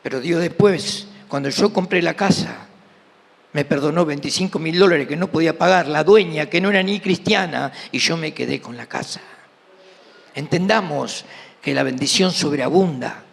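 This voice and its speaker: A middle-aged Argentine man preaches a testimony-driven sermon, voicing the people in his stories. His voice sits high and is heavily gravelly with fry. It rings out with a long hall reverb from the church. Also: moderate pace. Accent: Argentine Rioplatense Spanish. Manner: animated storyteller, acting out dialogue.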